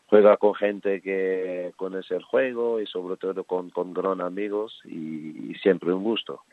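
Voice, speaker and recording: A middle-aged man from the Netherlands, a former footballer now coaching, speaks over a tinny phone line. His voice sits very low, and he talks in a relaxed, halting way, restarting phrases often. The sound is dry and close. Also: no echo. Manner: relaxed, hesitant, many restarts and fillers. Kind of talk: radio phone interview.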